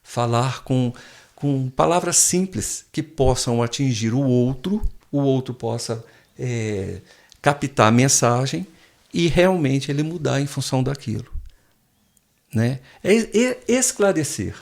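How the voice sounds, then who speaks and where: A man's voice: mid-range voice, expressive, takes it slowly, creaky. A man, a guest professor who explains things patiently with frequent restarts in a casual podcast chat in a studio.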